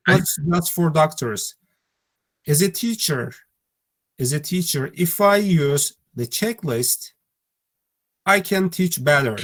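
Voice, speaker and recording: A man with a Turkish accent teaching an online English lesson, speaking haltingly with fillers and repeating himself. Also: on the high side, animated, fairly bright tone.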